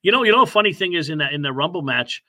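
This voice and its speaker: A man's voice: fairly high pitch, animated, very fast, sharp tone, no room sound. A middle-aged man co-hosting a podcast, telling rambling stories full of restarts in casual chat. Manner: rambling storyteller with many restarts. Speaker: podcast co-host.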